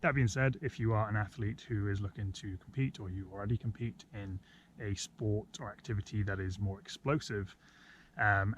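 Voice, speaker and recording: A man in his thirties giving an informal, measured explainer to camera outdoors, stressing key words as he goes. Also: lowish voice. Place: outdoors on an open hillside. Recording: dull outdoor audio with noticeable ambient noise.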